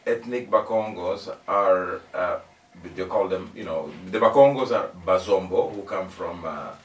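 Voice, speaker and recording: An older man from Congo, a guest musician in a casual interview, speaking haltingly with many fillers and restarts. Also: low voice. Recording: roomy, distant mic, faint noise.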